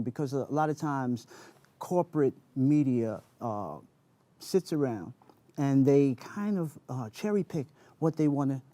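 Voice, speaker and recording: Animated, earnest man being interviewed. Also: medium pitch, no echo. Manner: earnest, emphatic, repeats phrases for emphasis. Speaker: interview guest, spoken word performer. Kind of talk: conversational interview talk.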